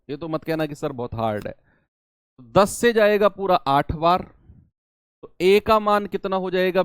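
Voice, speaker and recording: A man's voice: a little high, smooth, no room sound, clean studio sound. A man teaching a math lesson, explaining problems step by step and asking his students questions as he goes.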